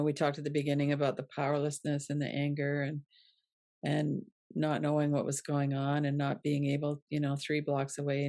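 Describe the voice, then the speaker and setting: A man hosting an interview, speaking in a calm, affirming and reflective way. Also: fairly high pitch, no room sound, clean studio sound. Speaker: interview host. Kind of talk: supportive interview conversation.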